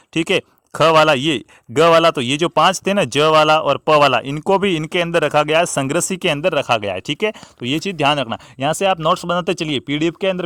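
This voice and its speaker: A man's voice: fairly high pitch, fairly bright tone, dry recording, clean studio sound. A man teaching a lesson, asking questions and answering them himself, repeating key terms and stretching them out for emphasis. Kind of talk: classroom lesson on grammar.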